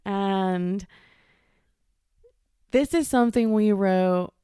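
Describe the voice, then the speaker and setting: A woman's voice: mid-range voice, drawn-out words, warm tone, clear, resonant tone, no echo, clean studio sound. A woman in her thirties from Ecuador, co-hosting a casual podcast chat, rambling with lots of "like" and restarts. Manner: chatty, lots of likes and restarts. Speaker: podcast co-host.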